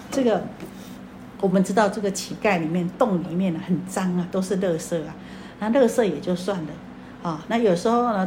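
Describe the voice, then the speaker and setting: A woman's voice: mid-range voice, a little mellow, slight background noise. Woman dharma teacher, particle-heavy speech. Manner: drawn-out particles, addresses audience. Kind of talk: dharma talk with storytelling.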